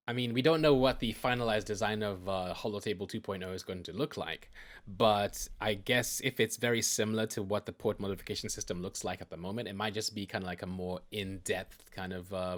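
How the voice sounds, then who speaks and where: A man's voice: fairly low pitch, steady tone, a little fast. A man co-hosting a casual gaming podcast, chatty and easygoing, with lots of fillers. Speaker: podcast co-host.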